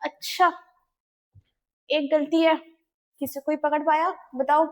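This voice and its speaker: A woman's voice: high-pitched, little pitch movement, slow. A young woman teaching an exam-prep grammar lesson, asking questions and answering them herself.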